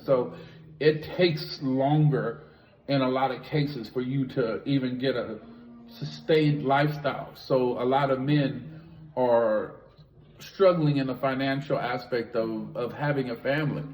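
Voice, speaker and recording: A man's voice: medium pitch, darkish tone. American man in his fifties, plain mid voice, blunt rambling co-host, reverberant room. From United States. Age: 50s. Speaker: vlog co-host. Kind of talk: casual chat.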